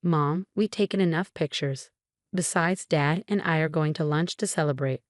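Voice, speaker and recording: A woman's voice: low-pitched, normal speed, no echo, studio quality, lightly acted. A woman voicing a resentful teenage girl at her graduation, speaking curtly and dismissively. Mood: brittle. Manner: curt, dismissive.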